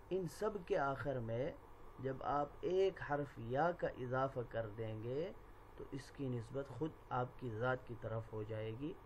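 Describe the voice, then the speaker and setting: A male language teacher who says each Arabic word slowly and clearly, repeats every phrase twice, and explains in quick asides. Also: medium pitch, a little mellow, muffled recording, a little hiss or hum. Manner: pronounces Arabic words slowly and deliberately, then explains quickly. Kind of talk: language lesson.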